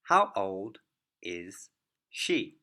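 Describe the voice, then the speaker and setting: A man teaching a beginner English lesson, speaking each word clearly and deliberately. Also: low-pitched, very animated, sharp tone. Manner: clear, careful word-by-word delivery.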